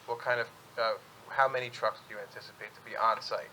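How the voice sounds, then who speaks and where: A man speaking as an attorney at a public hearing, presenting and questioning in a halting, methodical way. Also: fairly low pitch, steady tone, pushed and bright, slight background noise, poor audio. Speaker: attorney for an applicant. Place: public board meeting room.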